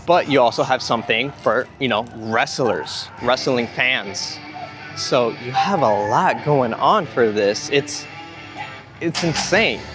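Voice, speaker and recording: Outdoors at a theme park, a young vlogger rambles enthusiastically and breathlessly in casual vlog talk, repeating words. His voice is mid-range and his pace slow, with music playing nearby.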